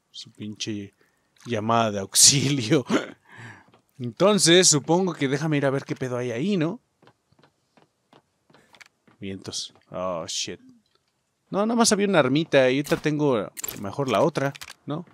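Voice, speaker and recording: Animated, foul-mouthed Mexican man gaming. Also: medium pitch. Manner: profane, joking, talks to viewers as "muchachos". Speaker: gaming YouTuber. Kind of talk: casual let's play commentary.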